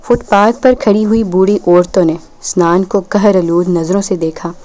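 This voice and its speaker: A woman reading a novel aloud as an audiobook narrator, in a steady, measured way. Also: mid-range voice.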